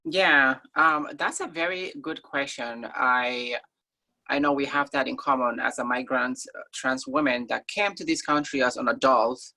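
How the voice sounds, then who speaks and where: A woman's voice: extremely low pitch, moderate pace, bright, forceful tone. A woman from Somalia, a guest in a conversational interview, talking in an earnest, thoughtful way with frequent ums.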